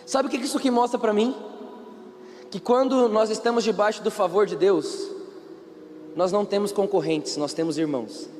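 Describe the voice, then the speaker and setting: A man with a Brazilian Portuguese accent preaching a sermon in an animated way, acting out the people in the story and asking the audience questions. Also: high-pitched, normal speed, long reverb tail, slight background noise. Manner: animated, acts out quoted characters, asks the audience questions.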